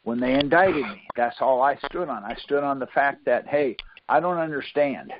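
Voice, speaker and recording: A teacher leads a conference call, teaching informally in a folksy, insistent style and frequently checking that his listeners are following. His mid-range voice is expressive at a moderate pace. Heard over a phone conference line, the audio is dull and lo-fi with a noisy background.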